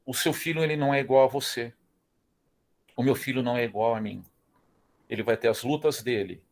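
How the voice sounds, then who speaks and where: A middle-aged man with a Brazilian Portuguese accent leads a church Bible class. His voice sits at an ordinary middle pitch. He speaks emphatically, repeats key phrases and acts out the dialogue he quotes. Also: fairly quick. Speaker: Bible school teacher.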